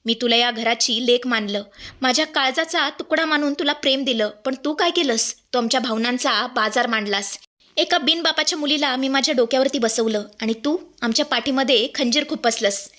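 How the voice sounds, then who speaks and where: A woman's voice: high voice, a little fast, pushed and bright. A woman voicing an older grandmother, the proud head of a household, bitter and scolding. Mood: furious.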